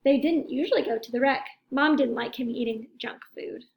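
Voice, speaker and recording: A teacher reads a picture book aloud to children, her high voice full of vocal fry. She is expressive in a teacherly way, speaks directly to her young listeners, and keeps a moderate pace.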